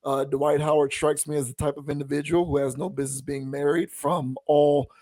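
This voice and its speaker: A man hosting a podcast, giving his opinions in a measured, deliberate, somewhat preachy way. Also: fairly high pitch, flat delivery, a little mellow, no room sound. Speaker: podcast host. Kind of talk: opinion commentary.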